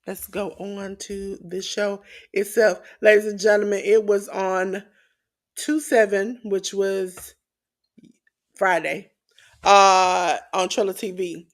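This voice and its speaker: A tired woman co-hosting a podcast, reading out wrestling results with showy announcer flourishes. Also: mid-range voice. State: sleepy. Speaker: podcast co-host.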